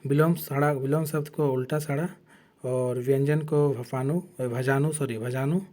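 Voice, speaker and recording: A man's voice: mid-range voice, dark tone. A man teaching an exam-prep lesson, explaining terms from a slide and often correcting himself.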